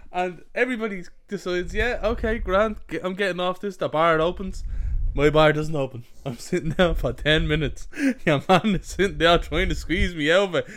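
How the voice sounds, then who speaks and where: A man's voice: high voice, a bit bright. A young man with a Dublin accent co-hosting a podcast, chatting casually, swearing freely and telling stories through laughter. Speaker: podcast co-host. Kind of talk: casual chat.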